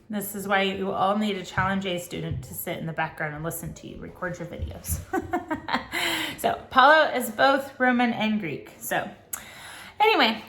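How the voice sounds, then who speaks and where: A woman's voice: medium pitch, a bit bright. A woman tutor giving casual teaching tips at home, chatty and rambling with many ums and self-corrections. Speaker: homeschool co-op tutor. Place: at home, child nearby. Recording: echoey room.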